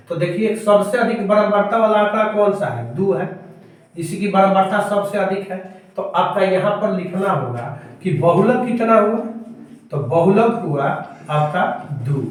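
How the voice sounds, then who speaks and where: A male math teacher, explaining a lesson step by step and answering his own questions. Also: high voice. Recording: echoey room, voice far from mic.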